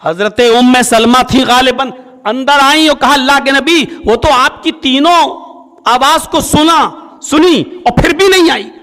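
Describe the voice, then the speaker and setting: A male Islamic preacher giving a sermon, telling a story and acting out its dialogue with swings in pitch. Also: unhurried, sharp tone, in a large hall. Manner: storytelling, acts out dialogue with rising and falling pitch.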